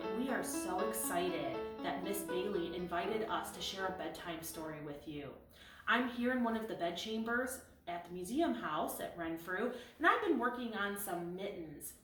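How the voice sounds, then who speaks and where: A woman reading a bedtime story aloud as a museum storyteller, with gentle, expressive storybook delivery in a historic bedchamber. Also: mid-range voice. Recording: roomy echo, mic at a distance.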